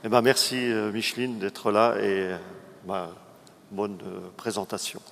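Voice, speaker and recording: A man introduces a conference speaker in a fairly low voice. He talks very slowly and hesitantly. The hall rings with reverb and some background noise. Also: fairly even intonation, creaky, fairly bright tone. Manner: hesitant, with drawn-out pauses. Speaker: session host introducing a speaker. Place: large auditorium, indoors.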